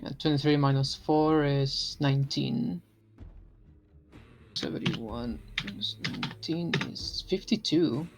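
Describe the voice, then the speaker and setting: A man's voice: medium pitch, slow, a little hiss or hum. A man chatting casually as a player in a tabletop role-playing game. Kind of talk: casual gaming chat.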